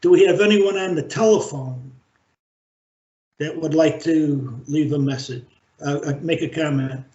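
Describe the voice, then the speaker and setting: Slow, deliberate man chairing a board meeting. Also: fairly high pitch, dark tone. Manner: halting, measured, many fillers and restarts. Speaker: library board president. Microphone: video call. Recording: roomy, dull video-call audio.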